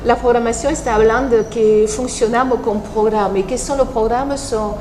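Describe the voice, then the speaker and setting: A woman from France speaking Spanish with a French accent, calmly explaining her work as an interview guest, with pauses and restarts. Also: fairly high pitch, roomy sound, slight background noise, poor audio. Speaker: guest, NLP practitioner. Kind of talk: interview conversation.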